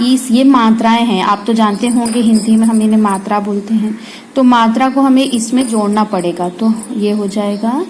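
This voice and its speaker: A woman teaches phonics slowly and patiently, breaking each word into letter sounds. Her voice is fairly high but mellow. A faint hiss of noise sits under the recording. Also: rough recording. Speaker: home tutor. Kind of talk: slow phonics lesson for parents and kids.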